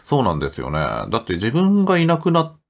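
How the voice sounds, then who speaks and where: A man's voice: medium pitch, wildly swooping pitch, quick pace, vocal fry. A middle-aged man co-hosting a podcast in casual chat, tossing out blunt wisecracks and laughing easily. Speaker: podcast co-host. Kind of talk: casual radio-style chat.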